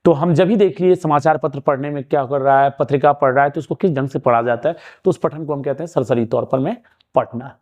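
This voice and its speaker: A man's voice: mid-range voice, quick pace, darkish tone, lo-fi sound. A man teaching an exam-prep lesson, explaining step by step and asking and answering his own questions. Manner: urging students to keep watching.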